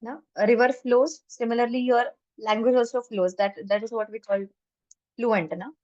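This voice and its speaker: Switching smoothly between German and English, a woman teaching German walks a small online class through the material step by step with patience. She speaks at a normal speed in a steady, slightly high, faintly mellow voice, recorded close to the mic. The recording is dry and lo-fi.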